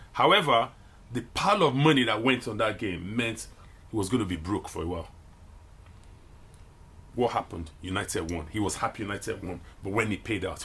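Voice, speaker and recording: A man's voice: on the low side, bright, forceful tone, husky. A man in a casual football discussion, talking emphatically and repeating himself to press his points. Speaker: football pundit. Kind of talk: casual sports chat.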